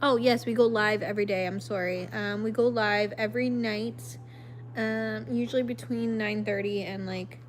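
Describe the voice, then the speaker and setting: A woman in her thirties hosts a casual late-night live stream at home, lit by a flashlight, holding her phone camera close. She reads viewer comments in a rambling, apologetic way full of "um"s, with a mid-range voice, steady tone, and moderate pace, over a little hiss or hum.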